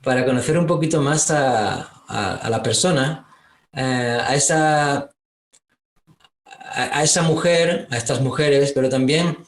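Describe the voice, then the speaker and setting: A man hosting a podcast, speaking slowly and pausing often, with fillers and restarts as he feels his way through each sentence. His voice sits at an ordinary pitch. It carries the echo of a bare room. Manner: hesitant, with many fillers and restarts. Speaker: podcast host. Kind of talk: casual interview.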